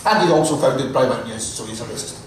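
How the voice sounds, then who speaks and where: A man's voice: mid-range voice, animated, quick pace. A man talking informally as a panelist at a live show, emphatic and opinionated. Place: live stage in a club venue. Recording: very echoey venue, distant mic, faint noise.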